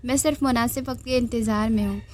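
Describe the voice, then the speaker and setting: A proud, hot-tempered young woman, voiced by a woman reading a novel aloud, who snaps back indignantly. Her voice sits a little high. The reading is an audiobook of a romance story. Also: steady tone, quick pace, lightly acted. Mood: angry. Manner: indignant, snapping.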